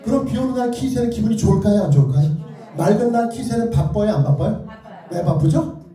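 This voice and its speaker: A fast-talking children's author with a high, expressive, warm voice gives an interactive lecture, throwing playful, theatrical either-or questions at his listeners. A distant mic records him in a very echoey indoor lecture room.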